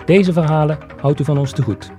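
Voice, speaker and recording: A man narrating a documentary in a calm, informative way. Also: on the high side, brisk, faint music behind.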